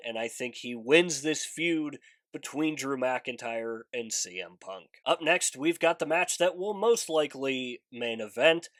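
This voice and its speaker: Congested and recovering from a fever, a wrestling preview channel host chats casually on video, breaking down upcoming matches. His voice is fairly high and fairly bright with no echo, and he comes across as earnest and talkative, leaning hard on stressed words.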